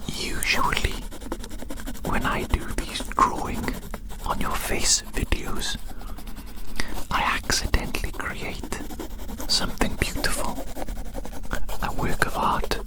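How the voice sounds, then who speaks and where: Someone whispering an ASMR ramble in a breathy, unvoiced voice, playfully wandering and repeating phrases. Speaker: ASMR creator.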